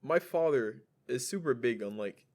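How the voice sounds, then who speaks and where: A man's voice: mid-range voice, animated, moderate pace, a little mellow. A man co-hosting a podcast, telling a story in casual chat, full of fillers and laughter. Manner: storytelling with frequent likes and laughter. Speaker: podcast co-host.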